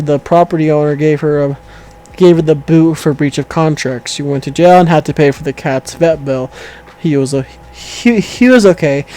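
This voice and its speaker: A man's voice: on the high side, mellow, low-quality recording. A man casually reading an online story aloud to a co-host, stumbling over words and correcting himself as he goes. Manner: reads aloud with stumbles, self-corrections and laughter.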